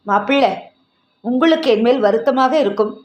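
A woman reading the lines of a frail, dying old father who speaks in halting, broken phrases. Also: on the high side, roomy sound, highs cut off, lightly acted. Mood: pleading.

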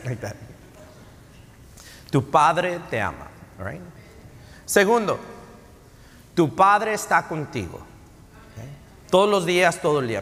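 A man's voice: fairly high pitch, a bit bright. A middle-aged man preaching a bilingual sermon, switching between Spanish and English and often adding tag questions. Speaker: pastor. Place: church sanctuary. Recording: long church hall reverb.

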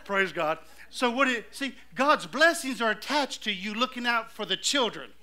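A pastor delivers an exclamatory, story-driven sermon in a church sanctuary. His voice sits high for a man and rings bright and forceful. He keeps calling out "amen" to the congregation. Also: lively intonation, moderate pace. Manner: storytelling, exclamatory, calls for amens.

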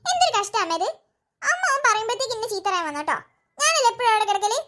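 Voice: extremely high pitch, big pitch swings, racing, bright, forceful tone, slight background noise, exaggerated voice. A voice actor playing a stubborn, bossy big-sister girl in a cartoon, with a threatening tone. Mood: sulky.

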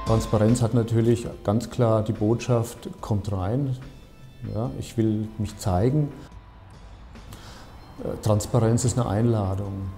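A man in his fifties, an architect, explaining his building in a measured, thoughtful interview with frequent hesitations. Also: lowish voice, steady tone, dark tone, faint music behind. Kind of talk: documentary interview. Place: bright office, seated at a desk.

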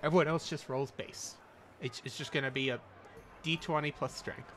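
A man narrating a tabletop game casually as game master, describing scenes in halting pieces. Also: a little high, steady tone, a bit bright.

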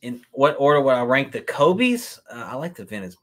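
A mid-range male voice at normal speed belongs to a Kentucky sneaker livestream host. Relaxed and chatty, he answers viewer comments off the cuff from an indoor room stocked with sneaker shelves.

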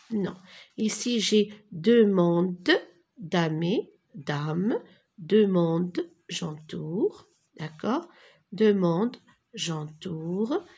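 A woman teaching a beginners' reading lesson, dictating slowly and repeating words syllable by syllable. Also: on the low side, gravelly, a little mellow, breathy edge.

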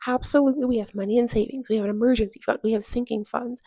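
A young woman races through a casual cleaning voice-over, a home vlogger talking candidly and emphatically about her home and money. She fires off rhetorical questions often. Her voice is a little high, warm, and steady in tone, with no echo.

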